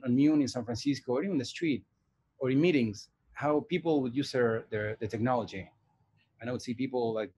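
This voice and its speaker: This Argentine man in his forties, who directs and teaches animation, speaks in a medium-pitched, slightly mellow voice. He's being interviewed casually and answers reflectively, with frequent hesitations and false starts.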